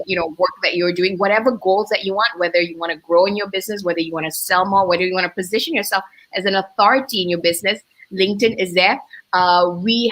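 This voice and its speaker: Bright-voiced Malaysian woman chatting. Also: mid-range voice, poor audio. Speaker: panel guest, business coach. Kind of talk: casual chat.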